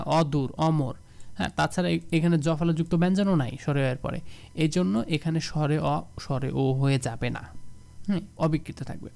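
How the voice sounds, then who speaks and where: A young man from Bangladesh giving a casual exam-prep lesson, explaining rules step by step and repeating examples slowly. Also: fairly high pitch, vocal fry, a little mellow. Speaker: exam tutor.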